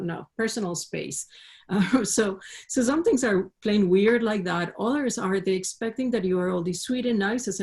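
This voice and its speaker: A woman from Colombia speaking earnestly as a panelist on a video call, measured and thoughtful. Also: mid-range voice, a little mellow.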